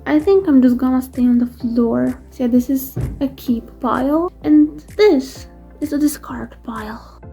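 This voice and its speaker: Young female vlogger, twenties, high and mellow, casual rambling self-deprecating delivery. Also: unhurried, creaky, soft background music. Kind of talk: casual vlog chat.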